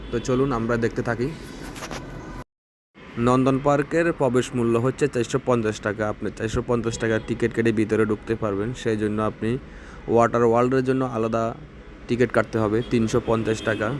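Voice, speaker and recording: A man, narrating a travel vlog in a plain, steady guiding tone as he walks through an amusement park. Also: mid-range voice, noisy background. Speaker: travel vlogger. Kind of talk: walking tour narration.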